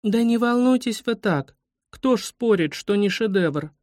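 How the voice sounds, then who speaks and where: A man's voice: high-pitched, lively intonation, measured pace, darkish tone, no echo, clean studio sound, pitched above the performer's own voice. A man voicing a kind, soothing schoolgirl in a storybook reading.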